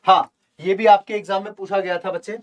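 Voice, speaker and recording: A man teaching English vocabulary in a live online exam-prep lesson, coaxing viewers to comment and chanting memory tricks in a slow singsong. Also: sits high, little pitch movement. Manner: addresses viewers as children, asks for comments.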